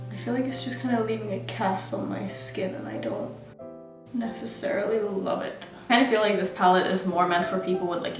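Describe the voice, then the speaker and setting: This is a beauty vlogger who grew up in Norway, chatting casually and narrating her own steps as she applies her makeup. Her voice sits in the mid range, and the recording is reverberant.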